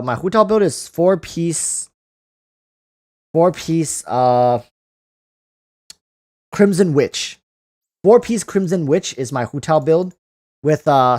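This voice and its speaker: A livestream host with a slightly high, darkish voice reads viewer comments aloud and answers them in a casual stream. He tends to repeat phrases as he thinks out loud.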